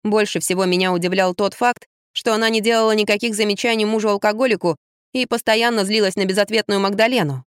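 A woman narrates an audiobook in the first person, with a lively and expressive delivery. Her voice sits in a medium range and is recorded dry and close. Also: medium pitch, fast, clean tone, dry recording. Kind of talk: audiobook reading.

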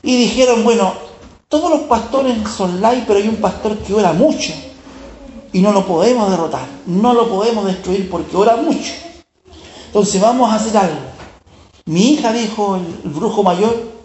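A man's voice: sits high, normal speed, darkish tone, a little hiss or hum. A man preaching a storytelling sermon, often turning to the listener to check they follow. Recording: echoey room.

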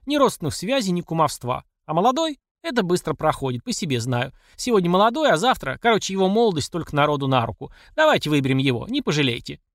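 A man's voice: on the high side, big pitch swings, fast, hardly any pauses, fairly bright tone, no echo, clean studio sound, voice pushed up. Man voicing a bossy, folksy older village woman. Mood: rallying. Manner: scolding, folksy, rallying.

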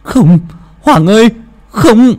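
A man voicing a desperate young boy in a told ghost story, shouting and stammering. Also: high-pitched, expressive, slow, pitched above the performer's own voice. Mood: screaming.

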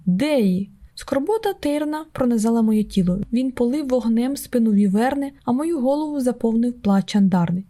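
A woman's voice: fairly high pitch, moderate pace, few pauses, mellow. A woman narrating an audiobook in a tense, urgent way.

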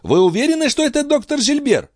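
A man voicing an anguished, jealous, imperious queen in an audiobook, crying out in a shrill falsetto. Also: lively intonation, a little slow, a little mellow, no room sound, clean studio sound. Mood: impatient. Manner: shrill, cries out in high falsetto.

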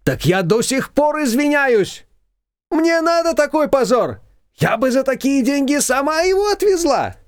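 A man voicing a quarrelsome older female shop owner who scolds in shrill tirades. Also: sing-song, measured pace, dry recording, studio quality, exaggerated voice. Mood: scolding.

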